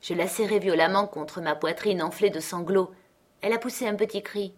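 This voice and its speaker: A woman narrating a classic novel as an audiobook, expressive and dramatic, slowing down on key phrases. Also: medium pitch. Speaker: audiobook reader.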